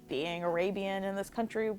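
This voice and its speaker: A woman's voice: medium pitch, steady tone, normal speed, darkish tone. Woman, twenties, reflective and candid, personal story for a documentary, music playing underneath. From Buffalo area, New York, USA. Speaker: documentary interviewee. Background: background music.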